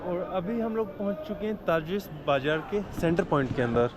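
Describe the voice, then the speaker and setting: A man's voice: sits high, animated, a little fast. A man from Rajasthan vlogging casually as he walks a busy night market, chatty and joking, asking locals for words. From India, Rajasthan. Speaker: travel vlogger. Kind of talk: casual travel vlog narration. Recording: crowd noise from busy market.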